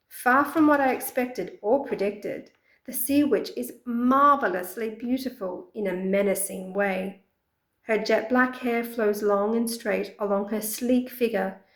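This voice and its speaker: A woman narrating a children's fantasy audiobook in a steady, expressive reading voice. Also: medium pitch, echoey room, poor audio. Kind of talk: scripted storybook narration.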